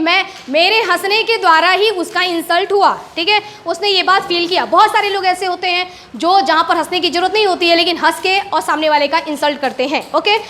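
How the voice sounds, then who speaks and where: High-voiced woman teaching a class. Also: a little hiss or hum. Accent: Indian. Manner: lively, playful, acts out laughs. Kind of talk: classroom lesson.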